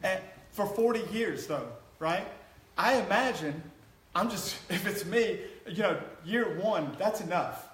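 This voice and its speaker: Pastor, male, high-pitched, conversational sermon that swells to fervent calls, echoey church. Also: expressive, a little slow, a bit bright. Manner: conversational, rising to passionate exhortation. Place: church sanctuary.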